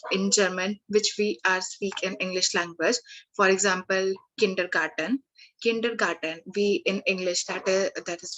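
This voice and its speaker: Young woman tutor for a live beginner class; halting, restarting speech, mid-range voice. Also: medium pitch, a bit bright, poor audio. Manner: halting, many restarts and fillers. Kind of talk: live online beginner language lesson.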